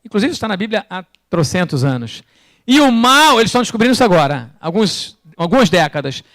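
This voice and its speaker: A man preaching a sermon in Brazilian Portuguese in church, firing rhetorical questions at the congregation and swinging between loud bursts and quiet asides. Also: high voice, big pitch swings, brisk, no room sound, studio quality. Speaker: pastor.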